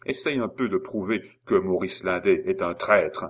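A man's voice: low-pitched, moderate pace, breathy edge. A man voicing a stern, suspicious young male officer who gives firm commands. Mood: indignant.

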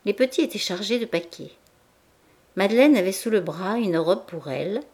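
A woman narrating a classic novel as an audiobook in a measured, even literary reading. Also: mid-range voice, breathy edge. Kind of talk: scripted narration.

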